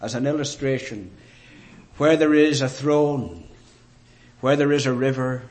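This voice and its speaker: A man with a Northern Irish Ulster accent preaching a sermon in a deliberate, rhetorical way with emphatic phrases. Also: mid-range voice, a little mellow. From rural Ireland, Ulster.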